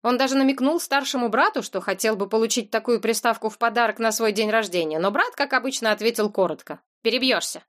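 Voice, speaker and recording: A woman's voice: fairly high pitch, fast talker, hardly any pauses, fairly bright tone. Woman narrating an audiobook.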